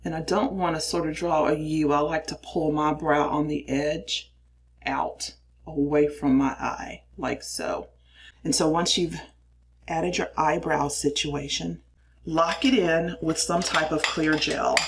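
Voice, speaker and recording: A woman's voice: low voice, steady tone, a little slow. An older woman chatting casually through her makeup routine in a cramped little space, explaining as she goes and poking fun at herself. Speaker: makeup reviewer.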